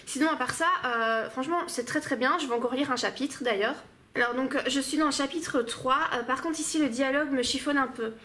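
High-voiced woman giving casual critique. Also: brisk, a bit bright. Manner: hesitant, many fillers. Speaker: book reviewer.

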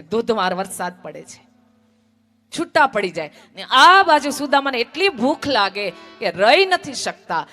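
A woman's voice: a little high, sharp tone. A woman telling a devotional story at a village religious gathering, acting out the dialogue with dramatic swells and drops.

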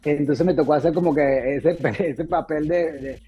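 This is a casual interview over a video call with a Venezuelan actor who discusses his stage roles from home, rambling with lots of fillers and restarts. His voice is a little high with a breathy edge, at normal speed, carried on dull, lo-fi audio with faint music.

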